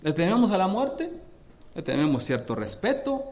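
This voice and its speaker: A man's voice: sing-song, moderate pace, a little mellow. A male pastor preaching a sermon with fervent energy, reading scripture aloud and often addressing the congregation as brothers. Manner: reads scripture aloud with dramatic rises in pitch and force.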